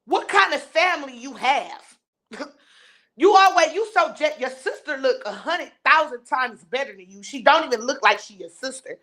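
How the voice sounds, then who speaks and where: Her high-pitched voice has lively intonation and a sharp edge, moving at a moderate pace. She's a live-stream host in the middle of a heated rant, scornfully and bluntly responding to what her viewers type in chat.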